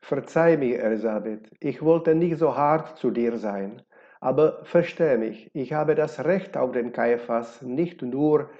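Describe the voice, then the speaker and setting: A man's voice: medium pitch, measured pace, lightly acted. A man voicing a passionate, defiant young unmarried woman in a read-aloud novel, speaking in a heated, accusing way. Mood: pleading. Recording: dull lo-fi recording.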